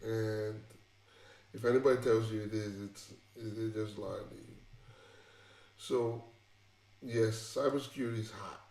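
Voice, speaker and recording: A man with a fairly low, mellow voice talks through career advice, hammering his points home and circling back over the same phrases. The sound is roomy and echoey. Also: fairly even intonation, unhurried, long pauses. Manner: emphatic and repetitive, restarting phrases. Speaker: tech vlogger. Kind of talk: casual advice monologue.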